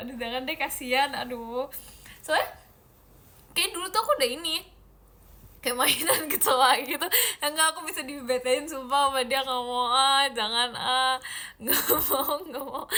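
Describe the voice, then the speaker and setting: A woman's voice: a little high, sharp tone. A young woman hosting a casual livestream. She reads out viewer comments and answers in a playful, giggly way with lots of fillers. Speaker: idol livestream host.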